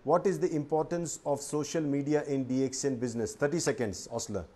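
A man's voice: mid-range voice, steady tone, a little fast, dark tone. A man hosting a video-call interview, reading out viewer questions with joking asides. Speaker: host. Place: indoor room with bookshelves.

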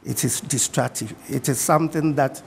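In a TV studio interview, a middle-aged man with a Ghanaian accent represents the fishing industry. His medium-pitched voice is creaky and measured as he repeats his main points, with big-room sound and a little hiss or hum.

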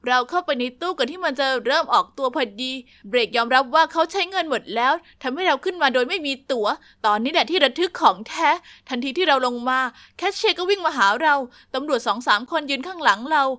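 A woman narrating a first-person story, lively and confiding, speaking straight to the listener. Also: sits high, fast talker, few pauses.

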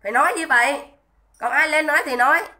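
A woman's voice: high-pitched, quick pace, sharp tone. A woman, ranting on a livestream in a scolding, indignant, repetitive way and greeting viewers between tirades. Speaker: livestream commentator. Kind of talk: livestream rant.

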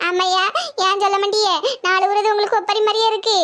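A woman voicing a melodramatic middle-aged village housewife in a cartoon comedy, theatrical and sharp-tongued. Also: flat delivery, fast talker. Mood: wailing. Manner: shrill, theatrical wailing and complaining.

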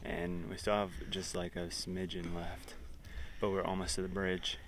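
A man's voice: low voice, little pitch movement, normal speed, noisy background. A young man chatting casually for a travel vlog while hiking outdoors, a little out of breath. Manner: upbeat, talking while hiking. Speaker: vlogger. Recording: faint outdoor ambience.

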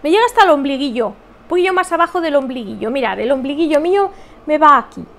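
Woman, Spanish accent, high-pitched, chatty, self-mocking, casual live chat host. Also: expressive, quick pace, fairly bright tone. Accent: Spain Spanish. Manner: chatty, rambling, self-mocking, reads viewer comments aloud. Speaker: crochet youtuber host.

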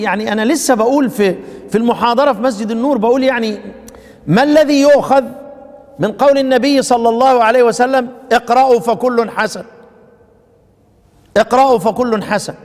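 A man's voice: high-pitched, in a large hall. A man with an Egyptian accent giving a lecture on Quran recitation rules. He keeps asking his listeners questions and answering them himself, and he often repeats words as he thinks. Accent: Egyptian Arabic. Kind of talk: classroom lecture.

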